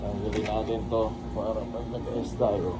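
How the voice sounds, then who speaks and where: A man's voice: lowish voice, flat delivery, normal speed. A man chatting casually to viewers in a homemade vlog. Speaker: vlogger. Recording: very noisy home phone video.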